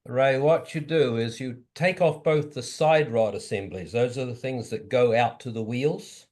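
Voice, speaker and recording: Male advisor, medium-pitched voice, methodical and informal practical instruction. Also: measured pace, a little mellow. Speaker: advisor giving technical tips. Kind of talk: casual technical instruction.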